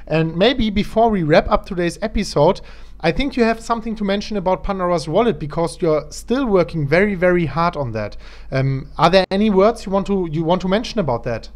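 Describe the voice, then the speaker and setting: A man with a fairly high voice acts as show host. He talks conversationally, as in a casual interview. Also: lively intonation, a little fast.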